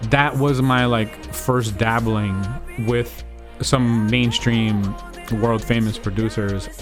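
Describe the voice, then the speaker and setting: A man's voice: medium pitch, steady tone, takes it slowly, music in the background. A man who grew up in New Jersey, a DJ and producer, talking in a casual, slangy interview. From New Jersey, USA. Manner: laid-back, slangy storytelling. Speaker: DJ and music producer being interviewed.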